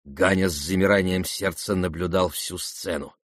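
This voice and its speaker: A man reading a classic novel aloud in a measured, expressive narration. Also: low-pitched, dry recording, studio quality. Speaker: audiobook reader. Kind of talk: scripted literary narration.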